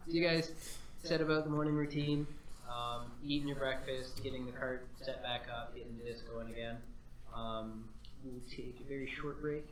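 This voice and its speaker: A man's voice: mid-range voice, fairly even intonation, moderate pace, a little hiss or hum. A man acting as game master, casually narrating a tabletop game and calling for checks. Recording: echoey room with people chattering.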